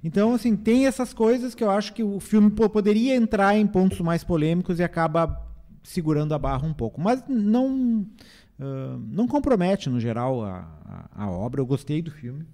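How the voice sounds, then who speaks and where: Mellow-voiced critic. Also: male voice, high-pitched, expressive, normal speed. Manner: easygoing, hesitant, many fillers. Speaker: film critic. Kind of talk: casual film review chat.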